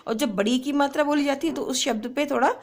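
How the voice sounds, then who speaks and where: A woman teacher giving a children's phonics lesson, reading words and dictating homework slowly and with clear syllables. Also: sits high, a little mellow.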